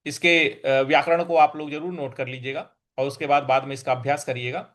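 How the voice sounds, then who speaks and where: A man teaching verse recitation, chanting lines slowly and then explaining pronunciation in quick asides. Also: medium pitch, fairly even intonation, fairly bright tone. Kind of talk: Sanskrit recitation lesson.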